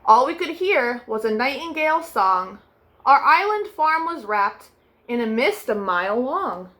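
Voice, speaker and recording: A young woman hosts a children's storytime, reading picture books aloud in a gentle sing-song manner with soft, drawn-out refrains. Her voice sits high.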